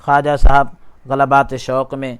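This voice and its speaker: A man teaching a religious lesson. He reads a passage aloud, then restates each phrase in simpler words, and gets louder at emphatic points. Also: medium pitch, completely flat delivery, clean tone. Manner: rises in loudness at emphatic points. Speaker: Islamic scholar teaching a class. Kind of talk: religious lesson, reading a text aloud and explaining it.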